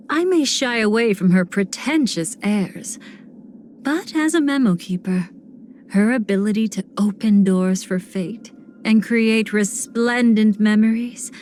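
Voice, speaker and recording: An actress playing a seductive, sinister woman cremator in a video game, speaking in a languid, theatrical way with breathy, whispered phrase endings. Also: mid-range voice, a little mellow, slight background noise, natural voice. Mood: coolly musing. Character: seductive, sinister woman cremator who savors betrayal and decay. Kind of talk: video game character voice lines.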